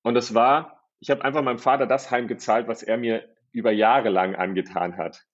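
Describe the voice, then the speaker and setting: A man's voice: mid-range voice, fairly even intonation, moderate pace, highs cut off. A man co-hosting a podcast, telling stories playfully and acting out the dialogue. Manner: playful storyteller, acts out dialogue. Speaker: podcast co-host. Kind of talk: casual podcast chat.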